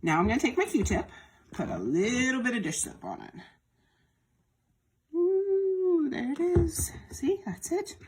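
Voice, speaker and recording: A woman leads library storytime with a very lively pitch, a measured pace, and frequent pauses. She's sing-song, prompting young viewers with questions during a children's lesson full of repetition and demonstration.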